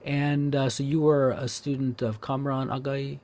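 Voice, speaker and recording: An older man from Southern California interviewing a guest, talking in a relaxed, rambling way with many fillers. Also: mid-range voice, normal speed. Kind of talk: academic interview.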